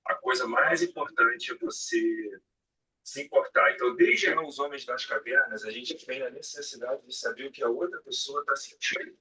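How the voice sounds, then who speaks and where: A man's voice: mid-range voice, normal speed, bright, forceful tone, husky, distant mic, low-quality recording. A Brazilian man joining an online mentoring session as a guest and speaking in a friendly, chatty way. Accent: Brazilian Portuguese. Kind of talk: casual remarks on a call.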